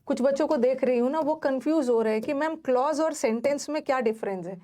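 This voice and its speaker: Lady teacher going over grammar with a class, bit high-pitched, repeats stuff and quizzes them. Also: fast talker, mellow. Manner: explains step by step, repeats key words, asks the class questions.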